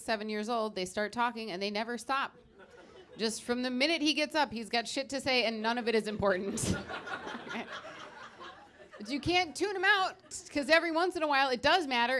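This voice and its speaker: Brash, profane woman comic, bright voice. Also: on the high side. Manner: brash, profane, tired deadpan delivery. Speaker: stand-up comedian. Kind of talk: stand-up comedy set. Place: comedy club stage.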